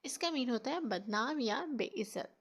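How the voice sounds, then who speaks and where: A woman with a mother tongue, teaching a spoken English lesson through slow, deliberate pronunciation drills. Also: on the high side, lively intonation, husky. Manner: slow, deliberate quiz-style word drills.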